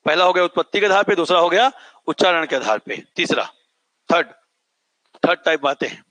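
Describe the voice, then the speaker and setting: Male teacher, high bright voice, call-and-response lecturing, dry close sound. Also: brisk. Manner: repeats each point and asks the class to echo it back; stretches out vowels to show their length. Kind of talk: classroom lecture.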